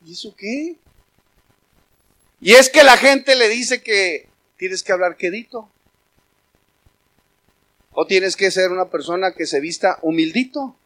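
A man delivers a sermon from the pulpit. His voice sits high for a man. He preaches with emphasis, turning to the congregation and calling them brothers. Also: lively intonation, measured pace, pauses often, sharp tone. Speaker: pastor.

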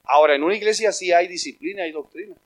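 A man preaching a sermon as a pastor, talking conversationally and rising loudly when he quotes God calling out names. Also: high-pitched, fast.

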